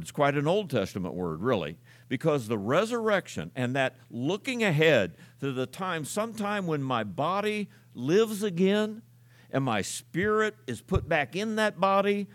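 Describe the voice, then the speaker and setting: A man's voice: mid-range voice, no echo. An older man preaching a conversational, folksy sermon. He tells stories and repeats key words for emphasis.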